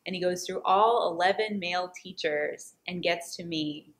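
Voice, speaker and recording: A woman from the United States, a former volunteer teacher, tells a personal story with an expressive, animated delivery. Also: fairly low pitch, moderate pace. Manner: expressive, animated delivery that acts out quoted lines. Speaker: returned Peace Corps volunteer, former teacher.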